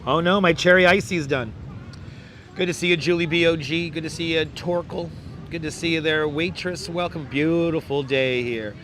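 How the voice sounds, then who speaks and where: A hoarse, crackly, squeaky-voiced man runs a casual live chat outdoors on a beach boardwalk, listing viewer names and welcoming each one. His intonation is fairly even, his speed normal, his tone fairly bright, while a clip-on wireless mic captures faint traffic and street noise on the phone stream.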